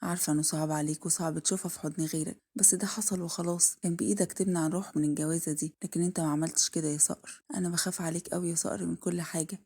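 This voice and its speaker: A woman with an Egyptian accent voicing a devoted young woman who pleads softly with the man she loves. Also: lowish voice, fairly even intonation, rapid-fire, few pauses, slightly rough. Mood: pleading. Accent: Egyptian Arabic.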